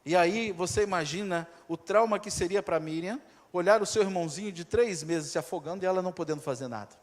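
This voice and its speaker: A male pastor with a Brazilian accent preaching a sermon, telling the story dramatically, swinging from loud to hushed. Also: high voice, fast. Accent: Brazilian Portuguese. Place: church. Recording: reverberant church hall.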